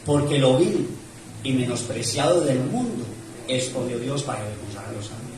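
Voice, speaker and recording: A man's voice: medium pitch, lively intonation, normal speed, background noise. A man preaching a sermon as a pastor, his emphasis rising and falling as he reads scripture aloud. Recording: echoey church room from far off.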